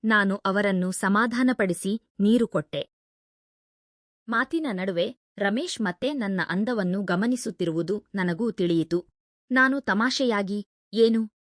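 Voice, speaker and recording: A woman narrates a first-person story at a mid pitch, in a steady, even storytelling read. The sound is dry and close, with no room around it. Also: no echo.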